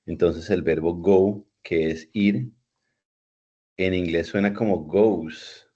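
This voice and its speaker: Deep husky-voiced man teaching English. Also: takes it slowly, mellow. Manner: patient, repeats and spells out words. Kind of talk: online class lecture. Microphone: video call. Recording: dull lo-fi video call audio.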